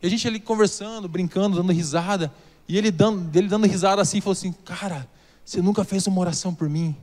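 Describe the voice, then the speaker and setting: A man's voice: high voice, quick pace, a little mellow, long reverb tail. A man preaching a sermon, telling a personal story and then building into fervent exhortation. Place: church hall.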